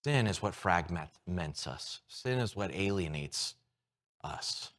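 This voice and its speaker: A man preaching a sermon, moving from hushed, low lines to loud, excited ones as he acts out everyday scenes. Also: slow pace. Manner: animated, with props and shifts from hushed to loud. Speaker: pastor.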